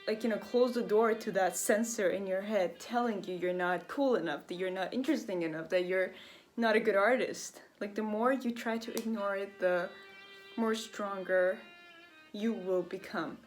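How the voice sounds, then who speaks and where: A woman's voice: medium pitch, moderate pace. A young woman vlogging in a casual, rambling way, full of fillers as she thinks aloud. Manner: chatty, rambling, lots of fillers. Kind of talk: casual reflective vlog. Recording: faint jazz music behind. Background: faint jazz music.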